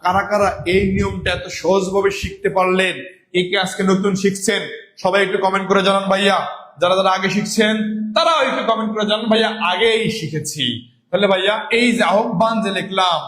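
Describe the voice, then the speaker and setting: A man with a high voice teaches a live online class, repeating each rule and answering his own questions. He talks to viewers as brothers and sisters, and his voice rings in an echoey room. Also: fairly bright tone. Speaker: online exam-prep teacher.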